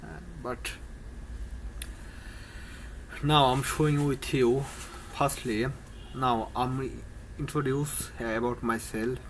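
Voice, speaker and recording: In a low-quality recording with a faint hum behind him, a mid-range-voiced Bangladeshi-accented man teaches beginner spoken English directly to camera. His delivery is slow and flat, and his sincere phrasing stumbles with restarts and grammatical errors.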